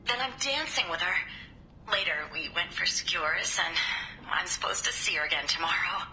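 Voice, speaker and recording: A sharp-bright, echoey young diarist. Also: female voice, fairly low pitch, expressive, moderate pace. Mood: dreamy excitement. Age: young adult. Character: infatuated, insecure young woman artist confiding in her diary. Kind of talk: game voice acting, recorded diary monologue. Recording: echoey, bright holo-recording with faint noise.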